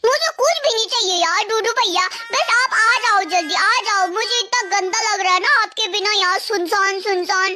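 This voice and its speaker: A woman's voice: very high voice, moderate pace, few pauses, pushed and bright, soft background music. A woman voicing a lonely young male office worker in a comedic dub, pleading and repeating herself. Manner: pleading, repetitive whining.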